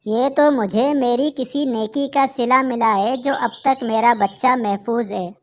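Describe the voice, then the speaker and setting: A woman's voice: a little high, steady tone, a little slow, slight background noise, lightly acted. A woman voicing a grateful mother sparrow in a cartoon.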